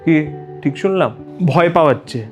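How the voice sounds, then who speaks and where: An animated man talks quickly in a fairly high voice, giving a mocking comic monologue and dropping English phrases into his speech. Guitar music plays steadily underneath him. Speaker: speaker on family and masculinity. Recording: guitar music playing behind.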